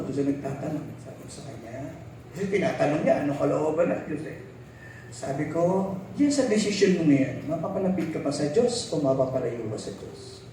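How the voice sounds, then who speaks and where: Switching between Tagalog and English, a Filipino man delivers a sermon as pastor and gives voice to the characters he quotes. His fairly high, slightly mellow voice comes from a far-off mic in a very echoey hall, with slight background noise.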